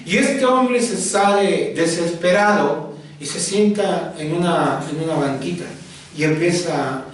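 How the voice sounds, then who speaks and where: A high-pitched male pastor, telling a story in his sermon and leaning on dramatic repetition. He is recorded from a distance, and his voice rings through a very echoey church hall. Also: unhurried.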